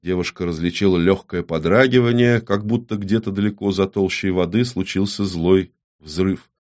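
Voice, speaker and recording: Low-voiced male audiobook narrator. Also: steady tone, moderate pace, darkish tone. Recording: dull lo-fi recording.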